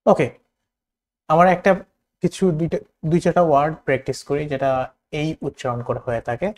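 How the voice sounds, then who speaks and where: A man with a Bangladeshi accent teaching a spoken English lesson, repeating words slowly for learners to copy. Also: fairly high pitch, a little mellow.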